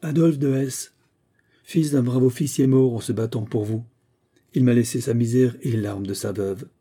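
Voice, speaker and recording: A man reads a proud young soldier in a spoken story, short and tight-lipped. The tone is dark and husky, with a defiant edge. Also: medium pitch, steady tone, moderate pace, natural voice. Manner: curt, clenched.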